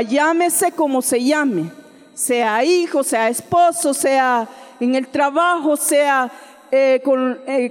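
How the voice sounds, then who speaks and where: A woman's voice: sits high, darkish tone, in a large hall. A woman preaching a sermon with a Central American Spanish accent, calling listeners sister and adding frequent amens. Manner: addresses listeners as sister, adds frequent amen. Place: church.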